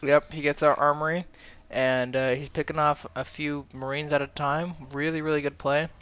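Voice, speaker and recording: A man commentating a strategy game match, calm in analysis and excitable when fights break out. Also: a little high, moderate pace, clean tone. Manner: excitable, shouts during fights. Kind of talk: esports casting.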